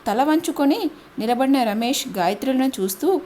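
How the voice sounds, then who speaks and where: A woman narrating an audiobook-style story with a steady, expressive reading. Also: high-pitched, moderate pace.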